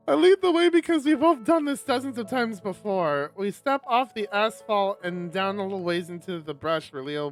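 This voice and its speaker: On a live stream, someone with a mid-range voice reads a visual novel aloud, narrating and then breaking off for exasperated, sweary commentary.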